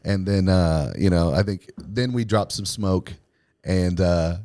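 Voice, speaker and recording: Male podcast co-host, very low voice, dry close sound, rambling storyteller who laughs through his stories. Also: unhurried, warm tone, no room sound. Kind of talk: casual storytelling chat.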